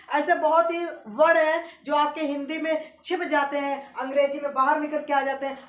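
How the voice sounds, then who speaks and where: Woman teacher, high voice, classroom lesson, repeats checks on understanding, spells letters out slowly, recorded from far off. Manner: repetitive, keeps checking students understand. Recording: echoey room from far off, faint hiss.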